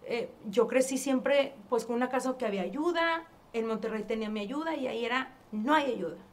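As a guest in an interview, this northern Mexican woman, her accent from that region, tells her story briskly in a voice on the high side. Her telling is lively and casual, full of reenacted dialogue and sentences she starts over.

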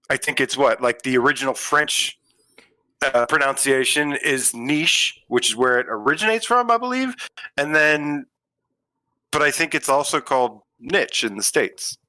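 A man's voice: mid-range voice, bright, forceful tone, no room sound, low-quality recording. A man co-hosting a casual live gaming stream, playful and giggly, rambling as he reads out viewer names. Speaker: podcast co-host.

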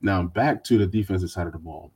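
Husky-voiced man hosting a podcast. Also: low-pitched, quick pace. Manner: animated, mocking voices when quoting others. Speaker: podcast host. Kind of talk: casual sports podcast chat.

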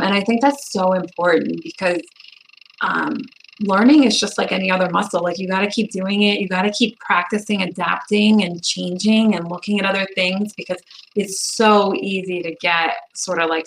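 A woman's voice: fairly low pitch, steady tone, normal speed, gravelly, fairly bright tone, a little hiss or hum, low-quality recording. Chatty woman host, casual interview. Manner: chatty, encouraging, frequent "like" fillers. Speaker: podcast host.

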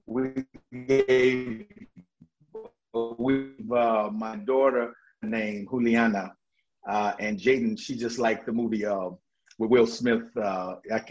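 A man talking as a guest in a casual interview, an energetic storyteller who laughs often and restarts his sentences. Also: lowish voice. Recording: dull lo-fi audio.

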